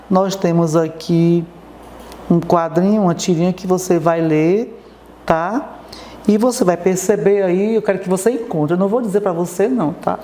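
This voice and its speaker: Brief: Brazilian woman teacher, TV lesson, mellow low voice, patient and checking in often, echoey room. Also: a little hiss or hum. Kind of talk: TV classroom lesson.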